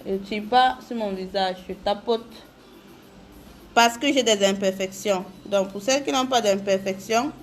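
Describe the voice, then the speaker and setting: A woman chatting casually with viewers during a live makeup tutorial, greeting them by name. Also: medium pitch.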